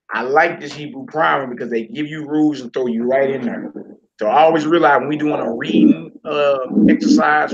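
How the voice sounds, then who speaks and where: A man's voice: medium pitch, fairly bright tone, husky, lo-fi sound. A man teaching a Hebrew reading lesson, encouraging his student and repeating words and phrases.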